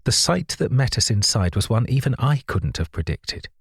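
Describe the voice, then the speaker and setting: A man narrating a suspense novel in first person, in a measured, tense reading. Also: medium pitch, very animated, vocal fry, slightly rough, no echo, studio quality. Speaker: audiobook narrator.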